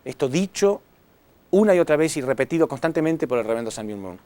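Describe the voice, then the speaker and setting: Impassioned preacher man, lively pitch. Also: quick pace, no room sound. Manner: impassioned, swings from loud to hushed; addresses audience with rhetorical questions. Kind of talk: sermon.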